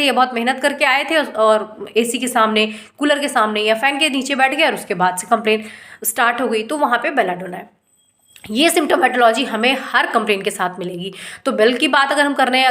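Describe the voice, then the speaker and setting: A woman doctor in her thirties or forties, with a high voice, teaches an informal online class. She explains patiently, slips English terms into her talk and keeps asking her listeners rhetorical questions. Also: a bit bright.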